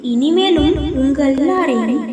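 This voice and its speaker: A woman voicing a calm, solemn female fairy spirit who speaks slowly and formally in a storybook tale. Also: high-pitched, reverberant, recorded from a distance, a crowd in the background, pitched below the performer's own voice. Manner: slow, measured, formal speech.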